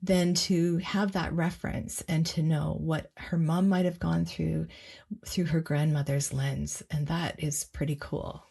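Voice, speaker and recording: Podcast host, woman, gravelly dark voice, gentle reflective questions. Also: deep voice, steady tone, measured pace. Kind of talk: interviewer conversation.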